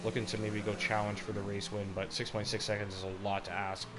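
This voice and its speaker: A man's voice: fairly low pitch, level tone, a little fast, crowd noise. A man doing live motorsport commentary, calling the race action as it unfolds. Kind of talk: live sim racing commentary.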